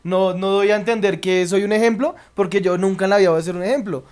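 Young man in his twenties, high voice, comedian, casual chat, slangy, self-mocking. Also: quick pace, a little mellow, smooth. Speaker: comedian, co-host.

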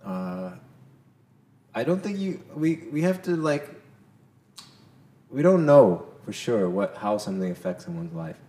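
A man's voice: fairly low pitch, sing-song, unhurried, long pauses, dark tone, echoey room. A man hosting a casual conversation, making his points playfully and thinking aloud. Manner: playful, repeats "blah, blah" to make points. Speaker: podcast host.

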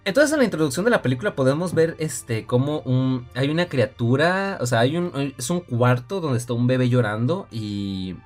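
A man's voice: medium pitch, lively intonation, moderate pace, few pauses, faint music behind. A man with a Mexican accent hosting a casual film review podcast, talking chattily and often addressing his listeners directly. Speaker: podcast host.

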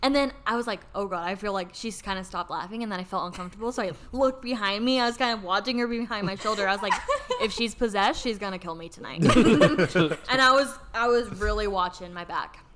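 A woman's voice: mid-range voice, fairly quick, a crowd in the background. A young woman casually telling a funny story, laughing often and acting out what people said. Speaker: storyteller guest. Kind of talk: casual chat.

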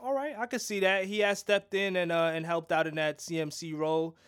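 A man's voice: on the high side, steady tone, fairly quick, a bit bright, clear, resonant tone. A man co-hosting a casual fantasy football show, joking and teasing his partner in a loose, chatty way. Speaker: fantasy football podcast co-host. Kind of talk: casual sports chat.

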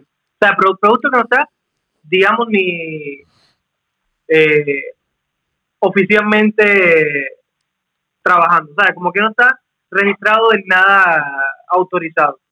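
High, bright Cuban man. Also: muffled recording. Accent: Cuban Spanish. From Cuba. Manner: explanatory, conversational. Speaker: YouTuber guest. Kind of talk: casual chat.

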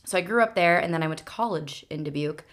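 Podcast guest: woman, twenties, Wisconsin-raised, low-pitched, easygoing rambling chat. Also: quick pace. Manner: chatty, many filler words and restarts. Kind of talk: casual chat.

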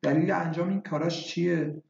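A man playing a calm probing doctor. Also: a little high, creaky, pitched above the performer's own voice. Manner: measured, probing questions. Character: calm questioning male doctor. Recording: echoey, dull lo-fi recording.

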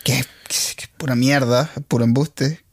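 A man's voice: mid-range voice, steady tone, measured pace, a little hiss or hum. A Venezuelan man co-hosting a casual chat, joking and laughing often, dropping in English words. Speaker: co-host.

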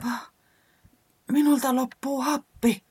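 Fretful storybook weatherman, high and bouncy, voiced by a woman, a bit husky. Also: huge pitch swings, exaggerated voice. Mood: anxious. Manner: squeaky, anxious and fretful. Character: worried grown-up weatherman, fretful and excitable. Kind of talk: storybook character voice.

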